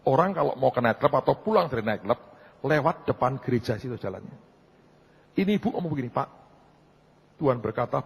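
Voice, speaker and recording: A man's voice: mid-range voice, creaky, slightly rough. A middle-aged man preaching as pastor, telling a story in a conversational, joking way and often turning to the congregation. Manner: mixes humor into preaching. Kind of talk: sermon.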